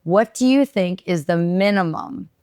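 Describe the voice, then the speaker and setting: A woman's voice: lowish voice, a little slow, warm tone, clean tone, no echo, studio quality. A woman co-hosting a podcast in casual chat, frank and full of questions. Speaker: podcast co-host.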